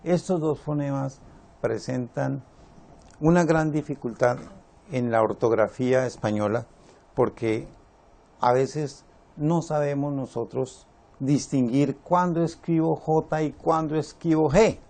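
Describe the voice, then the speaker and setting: A man teaching a spelling lesson, slow and deliberate, repeating his examples. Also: medium pitch, vocal fry, a little mellow.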